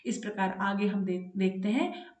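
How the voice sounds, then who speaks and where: A woman teaching a Sanskrit grammar lesson for exam preparation. She patiently asks her own questions and answers them, sounding out syllables slowly. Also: medium pitch, darkish tone, roomy sound.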